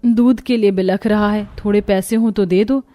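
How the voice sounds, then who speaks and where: A woman's voice: mid-range voice, steady tone, normal speed, warm tone, faint music behind, natural voice. A woman voicing a poor, tired young mother and wife with a sorrowful, complaining tone, in storybook acting. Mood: subdued.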